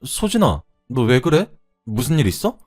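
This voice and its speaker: A man's voice: medium pitch, big pitch swings, normal speed, darkish tone, faint music behind, pitched above the performer's own voice. A man voicing a blunt young woman who questions her friend pointedly. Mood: confronting.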